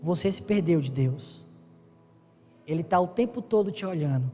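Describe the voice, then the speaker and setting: Captured live in a church hall with lingering reverb and soft background music, this sermon comes from a man whose dark voice leans high. Animated and at an ordinary pace, he shares stories, calls his congregation "brother" and "dear," and climbs toward loud, urgent pleas.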